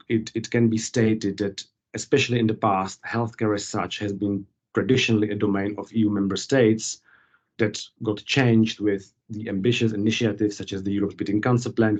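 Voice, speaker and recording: A man, a guest explaining policy work in a measured, formal way during an interview held over a video call. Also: lowish voice. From Czech Republic.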